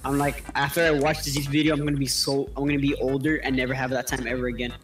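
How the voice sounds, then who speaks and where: A man's voice: mid-range voice, level tone, rapid-fire, fairly bright tone. A young man gaming with friends, brash and profane, rambling about life between rounds. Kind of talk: casual gaming banter. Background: music playing.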